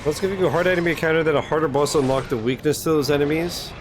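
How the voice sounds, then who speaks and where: This streamer talks at a racing clip in a slightly high voice, reacting to a game with blunt slang and plenty of swearing. It's relaxed live-stream chatter, with game music playing behind him.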